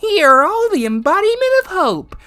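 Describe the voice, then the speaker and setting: A man's voice: extremely high pitch, very animated, bright, forceful tone, pitched above the performer's own voice, full character voice. A man voicing a sly, gleefully cruel male bear mascot villain in a video game, with a somewhat sick voice. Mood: gloating. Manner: slow, singsong, mock-sorrowful taunting.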